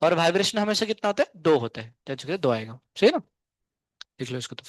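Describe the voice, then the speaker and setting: Physics teacher guy, high-ish voice, asks then answers his own questions, dry sound. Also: sing-song, no room sound. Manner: asks questions and answers them himself, then slowly dictates notes. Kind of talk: classroom lecture. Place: classroom.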